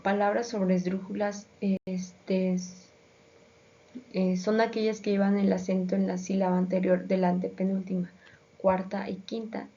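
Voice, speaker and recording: A woman's voice: mid-range voice, gravelly, mellow. A woman reading a school presentation, hesitant and full of fillers. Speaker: student presenter. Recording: dull lo-fi sound.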